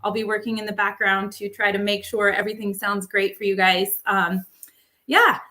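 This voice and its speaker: A woman's voice: mid-range voice, steady tone, normal speed, sharp tone. A woman hosting a live online photography show, chatting casually with many fillers on a makeshift microphone. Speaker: livestream host.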